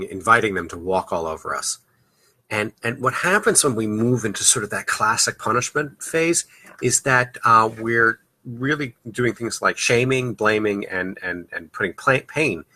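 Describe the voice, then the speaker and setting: A man talks through parenting advice on his podcast, his voice pitched a little low but very bright and forward. He speaks casually, with a steady stream of "uh" and "you know" fillers. The sound is close and dry. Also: no room sound. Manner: loose and conversational, many "uh" and "you know" fillers. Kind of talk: advice talk.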